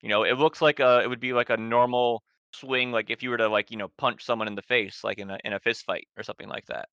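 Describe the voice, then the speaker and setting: Brief: male game master, casual rambling narration, clear smooth voice. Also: mid-range voice, steady tone, fast talker, pushed and bright, no echo, muffled recording. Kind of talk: narrating a tabletop horror game.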